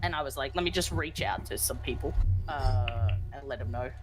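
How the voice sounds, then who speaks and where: A fellow roleplayer tells a long, rambling story over voice chat, with many fillers and lively pitch jumps, on a headset mic. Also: moderate pace, low-quality recording.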